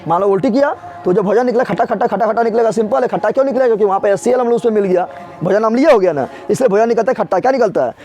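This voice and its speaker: This male teacher's voice sits high and races along with a warm tone. Lecturing in a classroom with a board, he runs call-and-response drills, asking questions and echoing the answers repeatedly in everyday Bihari-flavored speech.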